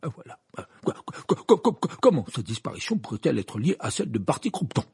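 A man's voice: mid-range voice, very animated, fast, creaky, darkish tone, slightly rough, voice pushed up, full character voice. A man voicing a flustered, pompous middle-aged male minister who stammers and repeats himself. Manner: stammering, hesitant, repeats words.

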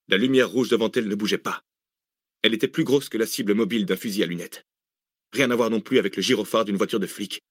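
A man reading a thriller audiobook in steady, measured narration. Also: lowish voice, no echo, studio quality. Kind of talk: scripted narration.

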